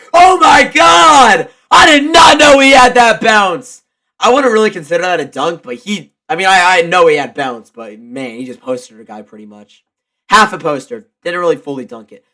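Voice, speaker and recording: A guy with a stuffy, congested voice from a cold calls a basketball game live as a play-by-play commentator and streamer. His voice is kind of high and bright, and he's casual but excitable, getting hyped and shouting on big plays.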